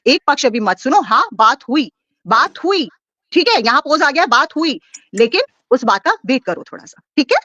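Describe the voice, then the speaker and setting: A woman's voice: high voice, big pitch swings, normal speed, pushed and bright, dry recording, lo-fi sound. A woman in a heated live-stream debate, defensive and repeating herself as she talks over others. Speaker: YouTuber guest on a live panel.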